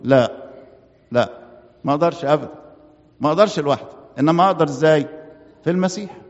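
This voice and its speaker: A man preaching a sermon in an Egyptian Arabic accent, asking rhetorical questions and answering them himself, and quoting scripture slowly and with emphasis. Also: fairly high pitch, big-room sound, highs cut off.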